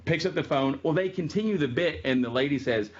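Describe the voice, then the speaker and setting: A man's voice: fairly high pitch, brisk, highs cut off. A man giving a casual classroom lecture on music history, telling stories in a chatty way with frequent ums.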